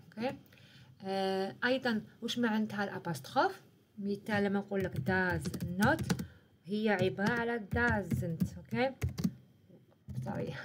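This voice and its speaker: A woman with an Algerian Arabic accent leads a live-streamed English revision lesson in a mid-range voice. She mixes Arabic, French and English words and keeps checking in with her students. A faint hiss sits under her voice. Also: mid-range voice. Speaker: English teacher.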